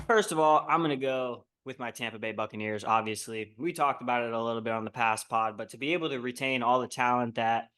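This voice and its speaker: Young guy on a sports pod, hyped about his team, normal pitch. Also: a bit bright. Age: young adult. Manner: enthusiastic sports fan talk. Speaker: podcast co-host. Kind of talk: casual chat.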